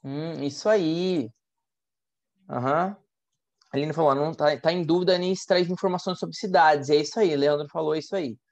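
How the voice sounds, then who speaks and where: A man's voice: normal speed, a little mellow. A Brazilian Portuguese-accented man teaching English test strategies in a chatty, explanatory live online lesson. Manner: chatty, explanatory, frequent "né?" tags. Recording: muffled low-fidelity webinar audio.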